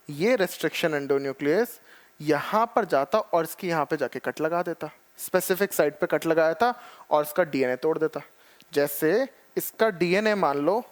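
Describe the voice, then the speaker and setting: A man with a raised, high-pitched teaching voice delivers an exam-prep biology lecture. He explains step by step, addresses the students as children, and keeps checking that they follow. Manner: calls students "children" and "beta ji".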